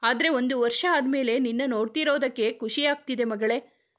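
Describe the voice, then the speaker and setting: A woman's voice: sits high, normal speed, fairly bright tone. A woman voicing a grieving male police officer who is a loving father, speaking tenderly and pleadingly.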